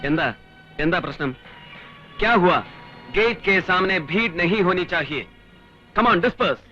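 An actor playing a firm, commanding security squad officer in a film scene. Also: male voice, high voice, expressive, measured pace, pushed and bright, faint music behind, heavily acted. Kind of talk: 1990s film dialogue. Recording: dull lo-fi film soundtrack with faint score.

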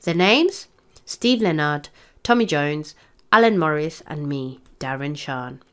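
A woman English teacher reading a novel aloud to her class in a steady storybook manner. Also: deep voice, takes it slowly, clean tone.

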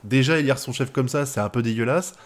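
A man's voice: mid-range voice, fast. A man from France giving live reaction commentary on an anime episode, swearing often and breaking into laughter.

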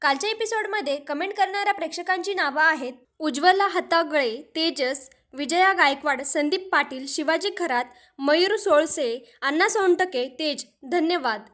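A woman narrating a recap of a TV serial episode, retelling each scene in a steady storytelling manner. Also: high voice, normal speed. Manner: steady retelling, reads out the dialogue.

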